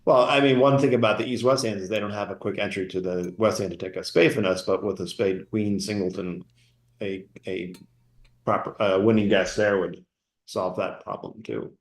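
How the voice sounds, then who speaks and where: A man with a fairly low voice talks through bridge hands analytically, pausing with small fillers. His voice carries a noticeable room echo. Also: fairly even intonation. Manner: analytical, slightly halting. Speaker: bridge commentator. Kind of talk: live bridge commentary.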